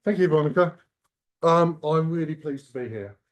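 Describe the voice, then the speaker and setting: An Englishman in his sixties gives a keynote at a conference, joking, chatty, and self-deprecating. His voice sits on the high side, animated, at a normal speed, in a conference hall.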